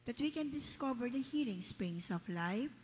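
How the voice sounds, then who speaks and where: A woman with a Filipino accent reads formally and solemnly as a church lector, in measured phrases, with a cathedral echo around her voice. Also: fairly high pitch, expressive, darkish tone, a little hiss or hum. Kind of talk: formal read prayer and church announcement. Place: large church, through sound system. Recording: echoing church with long cathedral-like reverb, husky sound.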